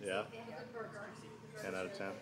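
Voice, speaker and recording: Deep-voiced man reviewing food. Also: completely flat delivery, measured pace, over a noisy crowd. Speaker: family vlog host. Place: indoor restaurant with open sides. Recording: loud music behind.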